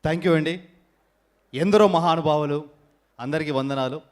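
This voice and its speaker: A male mimicry artist greets the audience on an awards-show stage. His voice sits a little high, and he speaks politely and formally, dropping English words into his speech. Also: normal speed.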